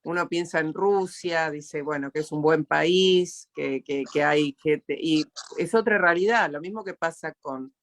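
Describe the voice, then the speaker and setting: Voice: medium pitch, unhurried, few pauses, fairly bright tone. An interview host with an Argentine accent, talking reflectively and emotionally, often repeating words. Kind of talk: casual interview talk.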